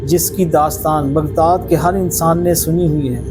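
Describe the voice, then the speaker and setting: A man's voice: a little high, steady tone, moderate pace, natural voice. A man voicing a loyal, cautious soldier addressing his princess in a storybook narration over background music. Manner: respectful, cautious.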